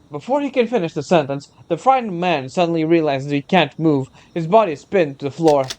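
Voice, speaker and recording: A man reading a game's story aloud as narrator, halting and stumbling over words. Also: on the high side, expressive, a little mellow, a little hiss or hum. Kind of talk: reading game story aloud, voicing dialogue. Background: music.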